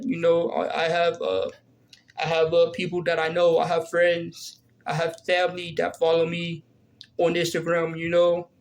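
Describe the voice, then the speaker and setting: Vlogger, man, 30s, high-pitched, creaky, halting delivery with lots of ums. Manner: hesitant, many fillers and restarts. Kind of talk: casual Q&A vlog.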